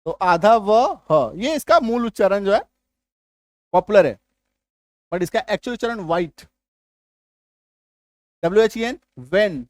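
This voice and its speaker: A man teaching English spelling and pronunciation in a YouTube lesson, often asking if students follow and loudly stressing key sounds. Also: high-pitched, animated, unhurried, long pauses, no room sound, studio quality. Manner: repeats "ठीक है?" and "है ना?" to check understanding; stresses key sounds loudly, then drops back to conversational.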